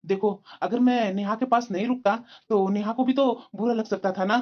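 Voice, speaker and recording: A woman voicing a smooth-talking, cheating young husband in a cartoon, coaxing and evasive, full of fillers. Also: medium pitch, steady tone, moderate pace, dull audio, lightly acted. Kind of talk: cartoon voice acting.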